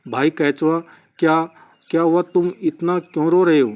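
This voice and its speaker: A clever storybook jackal speaks with shrewd suspicion, put on by a male narrator. His voice sits a little high. The recording is dull and lo-fi. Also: steady tone, normal speed, close to an everyday voice. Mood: concerned.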